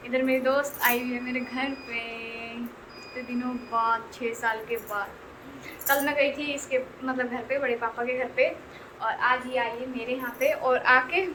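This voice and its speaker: A woman's voice: high voice, background noise. A young woman chatting casually in her vlog, teasing and laughing often, recorded on a phone. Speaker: vlogger.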